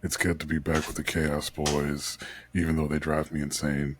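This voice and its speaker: A man's voice: a bass voice, monotone, moderate pace, slight background noise. A man hosting a casual podcast chat, rambling with fillers and laughing easily. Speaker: podcast host.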